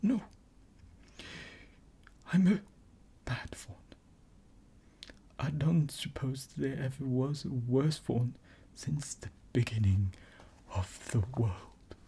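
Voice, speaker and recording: A woman voicing a gentle male faun who sobs and whispers in guilt. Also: rumbling low, takes it slowly, long pauses, slightly rough, heavily acted. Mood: sobbing. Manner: sobbing, whispery delivery.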